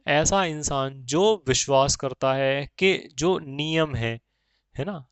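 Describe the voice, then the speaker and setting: A man teaching exam vocabulary, calling viewers "beta" and checking in with rhetorical questions while reading English terms out slowly. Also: medium pitch, smooth, dry recording.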